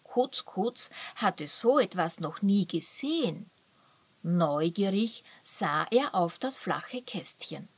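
A woman calmly reading a children's story aloud. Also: fairly low pitch, slow pace, slightly rough, no room sound. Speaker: narrator.

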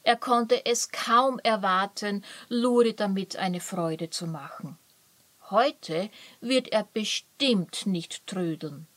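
A woman calmly reading a children's story aloud. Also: mid-range voice, slow, dry recording. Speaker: narrator.

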